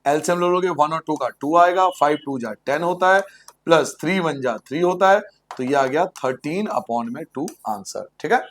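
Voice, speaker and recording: High-voiced man teaching maths. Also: moderate pace, a bit bright. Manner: asks questions and answers them himself, repeats steps in a sing-song way; playful, jokes with the class. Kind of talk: blackboard maths lesson for school students.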